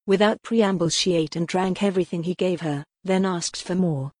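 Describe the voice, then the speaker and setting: A woman narrates a gothic novel in a measured, even storytelling voice. Her pitch sits a little low for a woman. The recording is dry and close, with no room sound. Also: dry recording. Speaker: audiobook narrator. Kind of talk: scripted narration.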